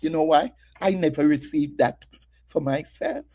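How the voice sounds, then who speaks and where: Middle-aged woman preacher, warm, mellow tone, slow and deliberate, testimony-driven sermon. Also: low voice, animated. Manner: preaching with many rhetorical questions, testimonial. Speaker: women's ministry speaker. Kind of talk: Mother's Day sermon.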